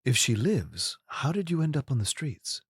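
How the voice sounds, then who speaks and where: A husky-voiced, troubled king. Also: medium pitch, big pitch swings, no echo, clean studio sound, full character voice. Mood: probing. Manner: formal, measured, courtly phrasing. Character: troubled, regal King Arthur, guilty and earnest. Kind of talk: audio drama acting.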